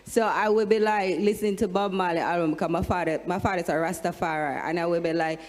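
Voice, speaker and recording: A Jamaican woman, a singer on a discussion panel, telling animated stories and breaking into sung lines. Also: lowish voice, fast. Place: large hall with an audience. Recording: long hall reverb.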